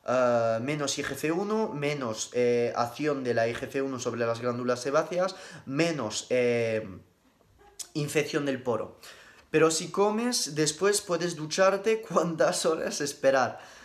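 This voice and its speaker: A young man, a nutrition coach answering viewer questions on a live stream in brisk, matter-of-fact replies with casual slang. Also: medium pitch.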